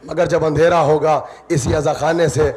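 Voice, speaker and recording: High-voiced man in impassioned mourning recitation. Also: flat delivery. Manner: dramatic, swelling into loud emotional pleas. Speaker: majlis orator reciting mourning narratives.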